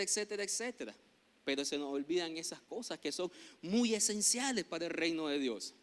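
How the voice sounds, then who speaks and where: A man with a Nicaraguan Spanish accent, a pastor preaching a sermon, growing loud when he reads scripture and joking with the congregation. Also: high-pitched, clear, resonant tone.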